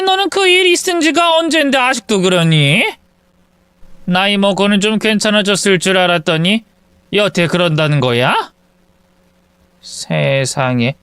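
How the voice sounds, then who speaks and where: A man's voice: sharp tone, clean tone, no room sound, full character voice. A man voicing a bitter, domineering older mother-in-law who scolds and wails in self-pity. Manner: shrill, self-pitying wailing.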